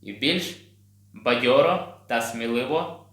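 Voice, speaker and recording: A man from Ukraine teaching a children's singing lesson on video, patient and gentle. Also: mid-range voice, slow pace. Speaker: choir teacher. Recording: roomy sound with piano.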